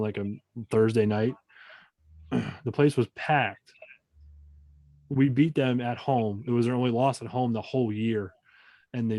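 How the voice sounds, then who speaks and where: A podcast host from Maine rambles through old basketball stories in a casual, profane way. His voice sits at a middle pitch. It is recorded close and dry. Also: dark tone, no echo, low-quality recording. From Maine, USA. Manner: rambling storyteller, swears casually. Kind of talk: casual chat.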